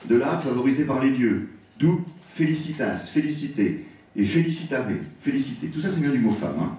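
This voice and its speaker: A man's voice: mid-range voice, animated, moderate pace, a little mellow. A man giving a public lecture on word origins, speaking expressively and savouring each word. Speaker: guest lecturer. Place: large hall at an evening event. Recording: echoey hall, voice from a distance.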